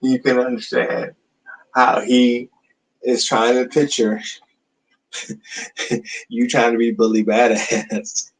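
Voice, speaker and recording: A man's voice: mid-range voice, little pitch movement, takes it slowly, pauses often, low-quality recording. A man in a tabletop role-play, speaking in character with a teasing manner and frequent laughter. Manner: teasing, laughs often while talking.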